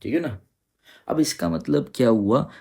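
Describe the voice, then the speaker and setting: A man's voice: mid-range voice, animated, creaky, a little mellow, slightly rough. A man teaching an exam-prep English grammar lesson, explaining patiently and often checking that students follow. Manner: explains patiently, keeps asking "ठीक है?" to check understanding; reads English sentences slowly and deliberately.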